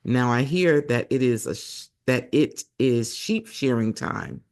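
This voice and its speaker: Slow, gravelly man with a failing voice. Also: medium pitch, animated. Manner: chatty asides to viewers, self-corrections. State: losing voice, hoarse. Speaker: Bible reading host. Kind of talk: Bible reading with casual asides.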